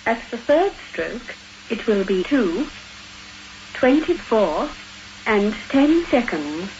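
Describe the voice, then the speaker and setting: A woman gives recorded time announcements as a speaking clock. Her phrases are spliced together, delivered slowly with a swinging high pitch, on a noisy telephone recording. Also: big pitch swings. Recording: noisy, band-limited old telephone line recording.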